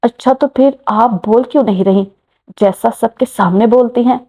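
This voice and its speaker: A woman's voice: a little high, normal speed, warm tone. Woman voicing a teasing young man. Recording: muffled lo-fi recording.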